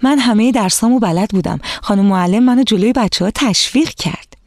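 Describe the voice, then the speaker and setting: A storyteller voicing an eager, cheerful young schoolgirl, raising the voice into a lighter, excited tone in a children's storybook reading. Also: medium pitch, no echo, clean studio sound, pitched above the performer's own voice, natural voice.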